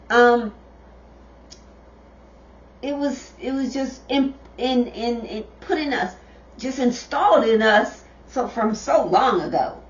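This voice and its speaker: Slow-talking woman, distant and roomy. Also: a little high. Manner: slow, repetitive, chatty, addresses viewers as y'all. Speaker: vlogger, mother. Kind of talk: casual direct-to-camera talk. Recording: dull, roomy, distant camera audio.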